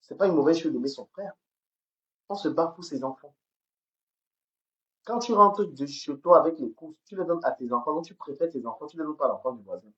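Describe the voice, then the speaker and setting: Ranting heatedly into her phone camera on a livestream, a woman from Cameroon repeats phrases and stammers as she presses on. Her voice is deep, a bit bright and fairly quick, with long pauses. The audio sounds dull and lo-fi.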